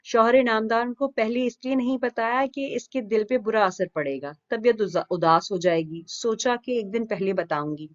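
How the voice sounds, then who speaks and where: A woman voicing a lively young wife who turns commanding with her servants, in an audiobook. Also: a little high, few pauses, pitched above the performer's own voice, lightly acted. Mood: teasing. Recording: dull lo-fi recording.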